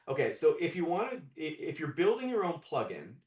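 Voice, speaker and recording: A man's voice: a little high, wildly swooping pitch, fairly quick, a little mellow, dull audio. A man presenting a live coding demo on a video call, thinking aloud with frequent restarts and repeated words. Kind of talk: live screen-share demo. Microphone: video call mic. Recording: roomy echo.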